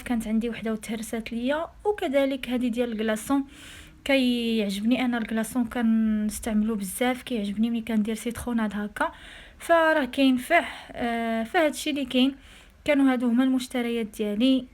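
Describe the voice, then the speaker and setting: A woman with a Moroccan accent, chatting casually to her viewers in a home vlog, talking straight to them with frequent fillers. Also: fairly high pitch. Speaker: home vlogger.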